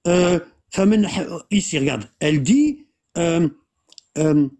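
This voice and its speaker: Husky-voiced speaker walking a listener through religious texts, halting, full of fillers. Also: medium pitch, animated, dark tone. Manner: explanatory, halting, many fillers, reads Arabic texts aloud then translates; keeps pointing listener to the text. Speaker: religious discussion leader. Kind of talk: casual religious discussion.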